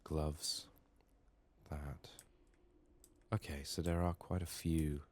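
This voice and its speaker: A gaming video host with a very deep voice murmurs ASMR playthrough commentary, flat and slow. His voice stays hushed and soft, sometimes slipping into a whisper, as he mutters and thinks out loud.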